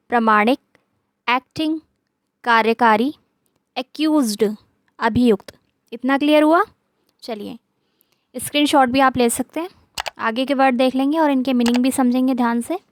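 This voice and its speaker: A woman's voice: on the high side, no echo. A woman giving an online exam-prep lesson, reading out word lists and their meanings, often checking in with "theek hai". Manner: reads terms aloud, mixes English words into Hindi. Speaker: teacher.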